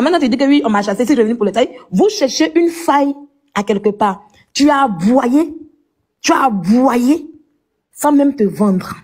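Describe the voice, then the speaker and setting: A woman's voice: on the high side, darkish tone. A woman at home at night, arguing point by point on a live stream and scornfully insulting her rival. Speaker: live-stream clash participant. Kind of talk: heated live-stream argument.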